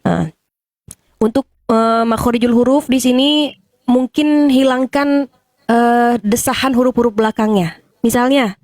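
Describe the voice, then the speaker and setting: A woman judging Arabic pronunciation in a singing contest, methodical and halting. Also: a little high, darkish tone, no room sound. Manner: methodical, hesitant with many "eh" fillers. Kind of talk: critique in an online singing contest.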